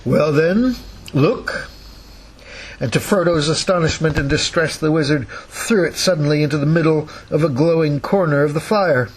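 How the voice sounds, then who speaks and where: Man, narrator, casual read-aloud, husky voice, slightly high pitch. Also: a little fast, hardly any pauses, low-quality recording. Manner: relaxed, with chatty asides and self-corrections. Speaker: narrator reading a novel aloud.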